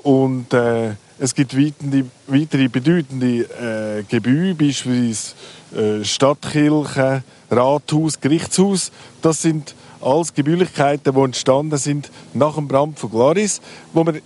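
A man from Glarus with a local Swiss German accent, answering interview questions outdoors, hesitant and full of pauses. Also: mid-range voice, a little mellow. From Glarus, Switzerland. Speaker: local guide. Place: outdoors in a town.

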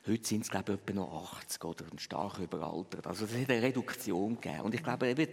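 Man, gravelly low voice, reflective, long reverb. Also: quick pace. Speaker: interviewee on a religious order.

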